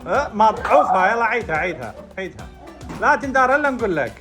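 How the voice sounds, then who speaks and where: A woman running a family game, giving brisk orders and often laughing. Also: medium pitch, sing-song, a bit bright, faint music behind. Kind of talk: casual family game calling.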